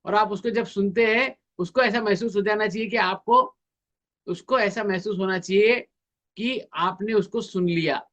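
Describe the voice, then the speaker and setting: A man's voice: high voice, moderate pace, a bit bright. A man speaking in a webinar on communication skills, acting out both sides of everyday conversations to make his points. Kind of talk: webinar talk.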